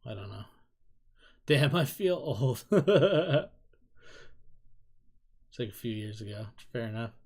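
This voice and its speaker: A man's voice: medium pitch, expressive, takes it slowly, long pauses, a little mellow. Rambling thirty-something man reacting. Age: 30s. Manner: rambling, self-deprecating, laughs often. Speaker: K-pop reaction YouTuber. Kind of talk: casual reaction commentary.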